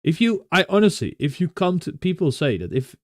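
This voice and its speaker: A man's voice: fairly high pitch, very animated, fairly quick, no room sound, studio quality. A young Dutch man with a Dutch accent, chatting casually with viewers, often laughing and restarting his sentences. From Netherlands. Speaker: streamer.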